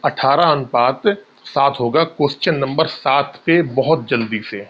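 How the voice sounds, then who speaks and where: A male maths teacher with a medium-pitched voice speaks a little slowly, explaining exam problems step by step and answering his own questions in an exam-prep lesson where he calls students bhaiya. The sound is lo-fi with slight hiss or hum.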